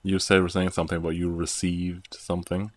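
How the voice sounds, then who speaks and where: A man co-hosting a podcast, teasing his co-host and reacting quickly in casual chat. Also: low-pitched, little pitch movement, dry recording, studio quality.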